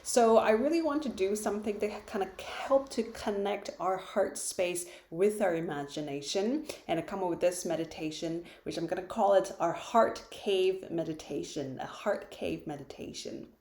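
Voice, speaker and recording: A woman who founded a retreat, guiding a meditation in a gentle, unhurried way with soft pauses, seated in her living room. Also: mid-range voice, echoey room. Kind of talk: guided meditation. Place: living room, sitting on a floor cushion.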